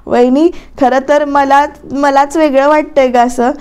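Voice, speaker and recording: A woman's voice: high voice, steady tone, a little slow, darkish tone. Woman voicing a chatty lovestruck young man. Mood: pleased. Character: young man, newly in love, worried about work.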